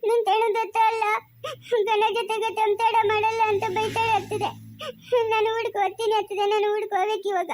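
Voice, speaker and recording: A woman's voice: very high voice, little pitch movement, a little fast, background noise. A woman playing a tearful, simple young village wife, crying and pleading in rural Chikkaballapur Kannada. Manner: pleading, whiny.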